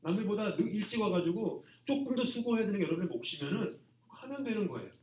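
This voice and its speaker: A man preaching a sermon to students in a plain, conversational way, often dropping to a soft trailing voice at the ends of phrases. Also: high-pitched, animated, fast talker. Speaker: pastor. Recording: echoey hall from a distance.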